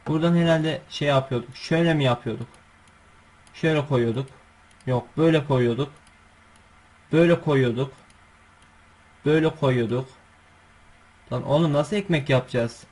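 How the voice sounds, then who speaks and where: Husky, excitable man narrating gameplay. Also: a little high, normal speed, long pauses. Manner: chatty and excitable, coaxing with slangy asides. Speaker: gaming channel host. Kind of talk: casual gameplay commentary.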